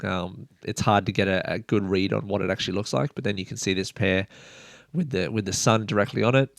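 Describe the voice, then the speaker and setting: A man's voice: lowish voice, fairly even intonation, brisk, creaky, no echo, clean studio sound. A man hosting a casual sneaker podcast, rambling with lots of fillers like "kind of" and "you know". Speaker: podcast host.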